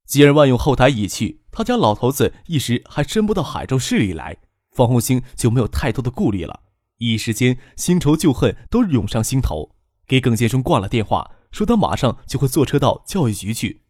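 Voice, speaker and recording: Male audiobook narrator, lively pitch, dry close studio sound. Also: brisk, dry recording.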